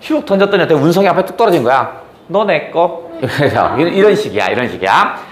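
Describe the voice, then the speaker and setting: A man teaching a lecture on classical prose, telling the story in a lively, blunt, casual way and keeping the class engaged with rhetorical questions. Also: on the high side, fast, reverberant, a little hiss or hum. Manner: casual, blunt speech with slang.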